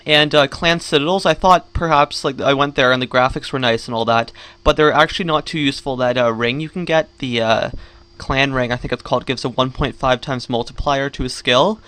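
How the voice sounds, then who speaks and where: A man's voice: mid-range voice, fairly even intonation, brisk, a bit bright, smooth. Man rambling with a sore, swollen jaw. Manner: rambling, griping. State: sore jaw, swollen cheeks after wisdom tooth surgery. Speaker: gaming vlogger. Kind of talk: casual gameplay commentary.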